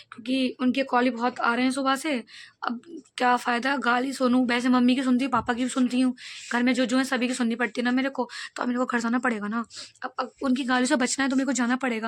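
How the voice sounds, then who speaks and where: A young woman vlogging at home, a college student who chats fast and loosely to her viewers. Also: on the high side. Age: young adult. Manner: fast, chatty talker. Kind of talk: casual vlog chat. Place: at home indoors.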